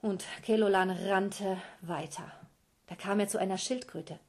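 Woman storyteller for kids: slow, lively, speaks to listeners directly. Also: mid-range voice. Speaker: storyteller for children. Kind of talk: storytelling to children.

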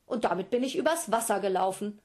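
A woman voicing a clever young boy hero in a storybook, talking brightly and cheekily. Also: medium pitch, lively intonation, fast, natural voice. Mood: cheeky.

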